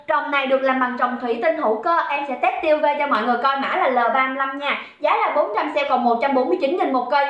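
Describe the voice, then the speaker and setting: A woman hosting a livestream sales pitch, chatty and teasing as she reads out viewers' comments. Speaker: livestream seller. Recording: echoey room, dull sound.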